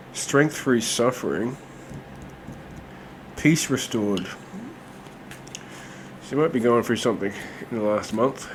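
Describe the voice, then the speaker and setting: A man's voice: mid-range voice, noisy background. A man giving a casual, chatty tarot reading, his voice nasal and congested from a cold. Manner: relaxed, chatty, many fillers. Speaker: tarot reader.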